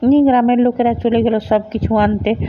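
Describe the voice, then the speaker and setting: A woman's voice: on the high side, fairly even intonation, a little fast, slight background noise. A woman casually retelling the plot of a TV serial, loose and hesitant, with many filler sounds. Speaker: storyteller recapping a TV serial. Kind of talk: casual spoken story recap. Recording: dull lo-fi recording.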